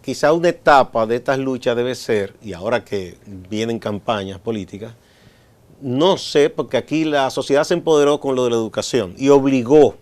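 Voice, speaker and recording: A man with a Dominican accent hosting a studio talk show, speaking in a measured, explanatory way with frequent pauses. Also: medium pitch. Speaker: host.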